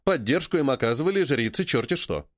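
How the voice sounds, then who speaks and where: A man's voice: medium pitch, a little fast, no room sound, studio quality. A man narrating an audiobook and voicing its characters. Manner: lively, voicing many characters.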